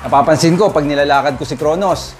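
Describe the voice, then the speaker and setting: A man's voice: a little high, fast, a loud crowd. A man, a dog breeder chatting casually to viewers at his home kennel, often calling out "guys" and pointing things out. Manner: chatty, addresses viewers directly, frequent "guys" and "oh". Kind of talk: casual vlog talk to viewers. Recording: music bed under voice. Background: music playing.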